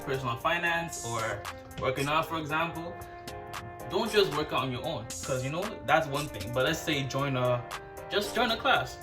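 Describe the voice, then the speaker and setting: A man's voice: a little high, animated, normal speed, distant mic, music in the background. A man giving casual, slangy reaction commentary, often adding tag questions as he talks. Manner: repeats tag questions such as "you know what I'm saying". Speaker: host of a reaction show.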